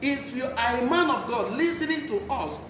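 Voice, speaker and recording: Preaching from the Bible in an echoey room with noticeable background noise, a Nigerian-accented man drives his points home by repeating key phrases emphatically. He speaks at normal speed in a very high, animated voice.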